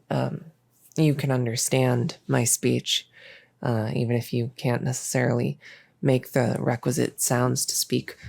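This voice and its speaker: In a roleplay audio drama, a performer gives voice to a cultist experimenter who is bossy yet gentle, speaking in a creaky, mid-range voice. The delivery coaxes, hesitates and rambles, and the recording is dry.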